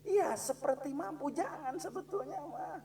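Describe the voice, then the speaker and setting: A man's voice: very high-pitched, expressive, distant mic. A man with a Sundanese accent teaching a religious lesson in a mosque, asking his listeners questions as he goes. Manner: mixes Sundanese into Indonesian, asks listeners questions; chants Quranic verses slowly and loudly as examples.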